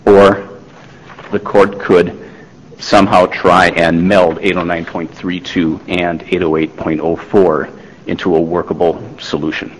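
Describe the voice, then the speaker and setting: A man, a lawyer, making a formal oral argument before a court, measured, with restarts and fillers. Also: low-pitched, flat delivery, big-room sound, rough recording. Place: large courtroom.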